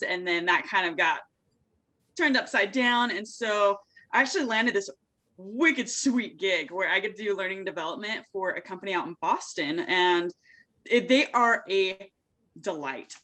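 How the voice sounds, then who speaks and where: An exuberant woman from the United States, a communication coach talking as a podcast guest, full of slang and high energy. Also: sharp tone. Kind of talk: casual interview chat.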